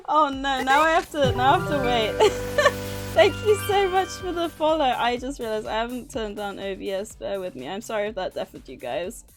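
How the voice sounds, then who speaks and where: Lively in intonation and fairly high in pitch, her voice moves at a moderate pace over faint background music. The livestreamer and author chats casually with her viewers from an indoor computer, coming off flustered, nervous, giggly, and effusively thankful.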